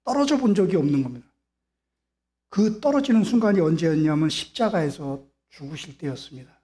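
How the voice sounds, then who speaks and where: A man's voice: on the high side, lively intonation, fairly quick, warm tone. A man preaching a sermon as pastor in a church, pressing his point with repetition and rhetorical questions. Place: church sanctuary.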